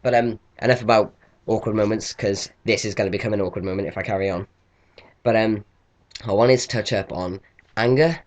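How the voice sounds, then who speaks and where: A young man with a lowish voice talks casually to his camera. He tells stories in a loose, chatty way, swears freely, and acts out the other people in his stories. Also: fairly even intonation, a little fast, a little mellow, dull audio. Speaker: vlogger. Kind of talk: casual storytelling vlog.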